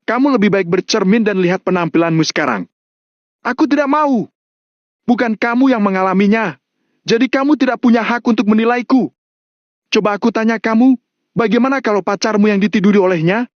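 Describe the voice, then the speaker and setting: Man doing a raging young man, high-pitched yelling, dull muffled recording. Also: a little fast, pauses often, dry recording, natural voice. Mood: shouting. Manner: shouting, raging. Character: furious young man with a knife.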